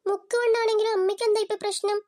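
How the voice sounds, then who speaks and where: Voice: very high voice, flat delivery, rapid-fire, a little mellow. A performer voicing a clever, sweetly cunning young daughter-in-law in a cartoon. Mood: smug. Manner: polite and sweet, then smug. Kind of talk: cartoon voice acting.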